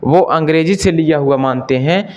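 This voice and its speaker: The audio cuts off the highs of this man's fairly high-pitched voice. He teaches an exam-prep Hindi lesson, greeting listeners as friends, restating each question for the class and then answering it, with example sentences delivered slowly and drawn out.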